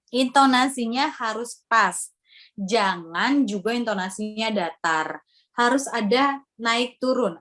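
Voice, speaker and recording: An Indonesian woman giving a community workshop lecture on presentation skills, explaining step by step with frequent "ya" and "nah" tags. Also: on the high side.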